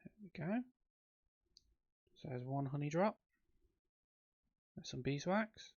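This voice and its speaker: A man's voice: on the high side, expressive, slow pace, a little mellow, dry recording, dull audio. A man giving casual, rambling commentary on his own gameplay, with frequent ums and self-corrections. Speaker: let's play host.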